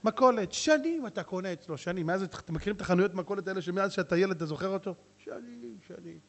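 A man, a rabbi, preaching a sermon with jokes and acted dialogue, shifting between shouts and hushed asides. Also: sits high.

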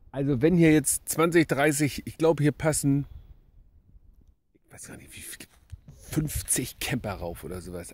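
Filming himself at arm's length beside a lake and in a wooden hut, a travel vlogger in his fifties offers casual, rambling commentary and keeps correcting himself. His voice is medium in pitch with a dark tone.

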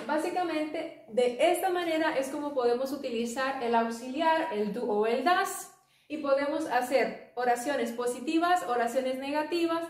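A woman teaching an English lesson, explaining slowly and patiently. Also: high-pitched, a little mellow, recorded from a distance. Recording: echoey room, voice from off-mic.

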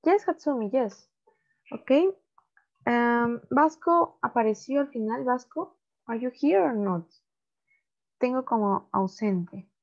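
A woman teaching an online English class to children, modelling phrases slowly and explaining in Spanish. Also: on the high side, animated. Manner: patient, slow model reading, switches to Spanish to explain. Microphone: video call. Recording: dull lo-fi call audio.

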